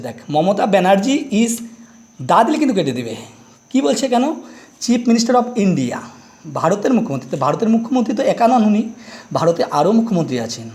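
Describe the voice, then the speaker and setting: Male English tutor, middle-aged, higher-pitched voice, patient step-by-step explanations with quick check questions. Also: darkish tone. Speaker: English teacher. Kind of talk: grammar lesson explaining articles.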